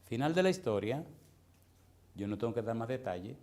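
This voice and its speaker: A man's voice: mid-range voice, very animated, a little fast, a little mellow. A male pastor preaching a sermon in a church, firing emphatic rhetorical questions at the congregation.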